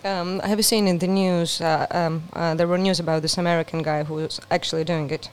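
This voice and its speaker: A woman's voice: lowish voice, steady tone, fairly quick, clean tone. A woman from Estonia interviewing a guest, asking questions hesitantly with many "uh"s. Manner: hesitant, filler-laden questioning.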